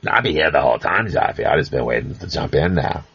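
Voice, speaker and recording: Male podcast guest, relaxed and plain, rock-bottom husky voice, muffled lo-fi audio. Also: very deep voice, brisk. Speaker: regular guest. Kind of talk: casual chat. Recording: dull lo-fi sound.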